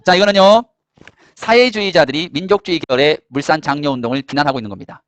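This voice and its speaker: A high-voiced man lecturing a classroom at a rapid clip, his pitch bouncing all over as he jokes and quizzes his students. The sound is close and dry, with almost no room echo. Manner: energetic, jokey, quizzes students. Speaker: history teacher.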